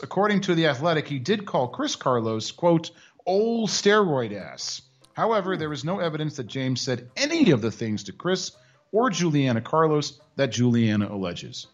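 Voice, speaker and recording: A man narrates a news story as a commentary host, wry and mocking. His voice sits a bit high and moves with lively swings of pitch. The audio is dull and lo-fi. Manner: dry, mocking asides. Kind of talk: sarcastic commentary.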